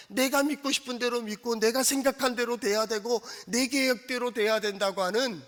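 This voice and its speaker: A man preaching a sermon as pastor. He asks the congregation questions and acts out quoted speech in a soft, coaxing tone. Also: high voice. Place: church sanctuary. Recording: long church hall reverb.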